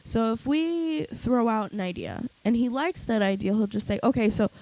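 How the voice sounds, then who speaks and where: A young adult woman co-hosting a podcast in casual chat, blunt and animated, swearing freely. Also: fairly high pitch, normal speed, low-quality recording. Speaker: podcast co-host.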